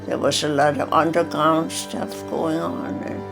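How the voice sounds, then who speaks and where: Slow gravelly woman of a hundred. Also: low voice, flat delivery, over loud music. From Denmark. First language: Danish. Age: 100s. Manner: plainspoken, matter-of-fact reminiscing. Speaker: interviewee. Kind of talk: documentary interview.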